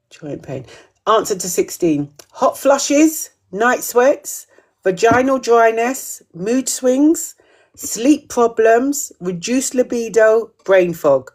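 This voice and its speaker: A woman's voice: fairly high pitch, a little mellow. A woman hosting a live quiz, reading each question twice and reacting to viewers' comments in a chatty way. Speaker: host of a live menopause quiz.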